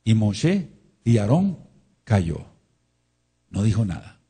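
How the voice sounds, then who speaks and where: A Mexican pastor delivering a sermon in a dark, mellow voice with a husky edge. He is emphatic, often repeats a word several times, and sometimes acts out the questions of imagined listeners. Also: lowish voice, sing-song, takes it slowly.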